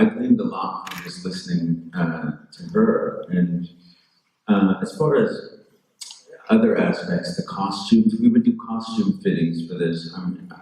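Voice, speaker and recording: Deep-voiced man in a booming hall. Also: steady tone, a little slow, mellow. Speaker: actor on a panel. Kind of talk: conversational Q&A answers. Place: large echoey school hall. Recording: very echoey hall.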